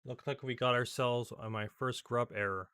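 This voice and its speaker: A man's voice: mid-range voice, steady tone, moderate pace, bright, forceful tone, clean tone, no echo, studio quality. A man giving casual, rambling commentary over a screen recording as a tech vlogger, with many fillers and restarts.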